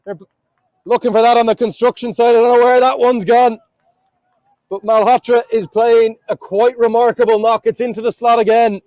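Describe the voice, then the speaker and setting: A man calling a cricket match live from the commentary box, building to excited shouts at the big moments. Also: very high-pitched, moderate pace, no room sound, low-quality recording.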